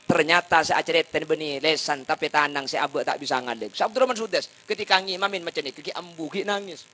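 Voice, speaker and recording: A man giving a humorous sermon, swinging from soft asides to loud impassioned bursts. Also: a little high, quick pace. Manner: chants salawat and sings lines. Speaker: preacher.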